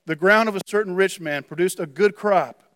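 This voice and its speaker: A pastor delivering a sermon in a high-pitched male voice. He speaks earnestly and keeps restarting phrases, repeating a word two or three times before pushing on. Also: normal speed, fairly bright tone. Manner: earnest, with frequent stammered restarts.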